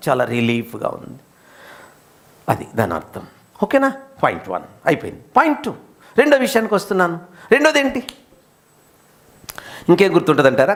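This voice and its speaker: High-pitched, gravelly, animated preacher man. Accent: Telugu. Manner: swings from loud rhetorical questions to low intense asides. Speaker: pastor. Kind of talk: Telugu sermon with call-and-response questions. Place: church service.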